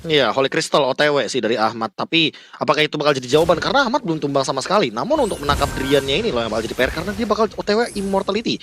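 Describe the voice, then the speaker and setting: A man's voice: fairly high pitch, expressive, racing, fairly bright tone, a little hiss or hum. A man with an Indonesian accent giving emphatic live esports analysis, repeating his key phrases.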